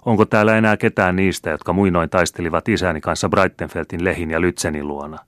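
A man's voice: low voice, fairly even intonation, no room sound, clean studio sound, close to an everyday voice. A man reading aloud voices an impassioned young nobleman rallying soldiers, with a ringing but slender voice. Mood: rousing. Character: fiery young nobleman, beardless youth, proud.

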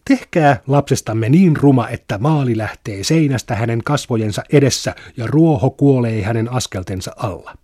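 A calm, matter-of-fact father from a short-story reading, as a man reads him aloud. His voice is husky and dry, with no room sound. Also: mid-range voice, no echo. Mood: earnest.

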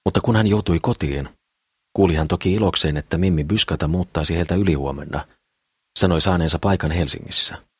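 A man narrating an audiobook in a steady, measured reading. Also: deep voice, breathy edge, no echo, studio quality. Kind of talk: scripted narration.

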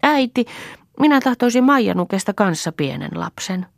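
An eager little girl chatters in a high, excited voice, tumbling out one question after another, as a woman reading the story puts her on. She has a slight gravelly edge and a lively, bouncing melody. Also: no echo, studio quality. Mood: pleading.

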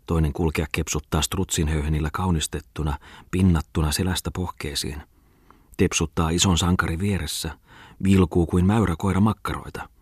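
Guy doing a whiny shrill middle-aged dude, ranting, dry close recording. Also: fairly even intonation, slightly rough, no echo. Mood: muttering mockery. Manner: whining, high-pitched outbursts.

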